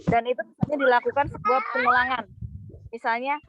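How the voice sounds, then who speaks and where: High-voiced woman explaining earnestly. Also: steady tone, fairly quick, highs cut off. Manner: earnest, explanatory, acts out example quotes. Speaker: guest parenting speaker. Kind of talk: explaining parenting advice. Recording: noticeable background noise.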